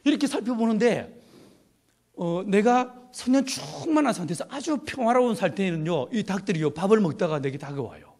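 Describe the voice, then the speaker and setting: Man, pastor, middle-aged, humorous sermon, very animated pitch, high voice. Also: fairly quick. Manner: playful storytelling with laughter. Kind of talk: humorous sermon at a youth retreat.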